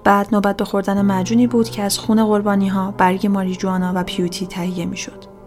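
A woman telling a true-crime story in a steady, dramatic narration. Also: mid-range voice, soft background music.

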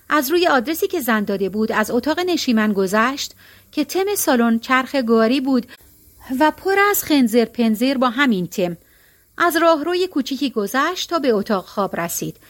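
A woman reading a story aloud as narrator, calm and even. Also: high-pitched.

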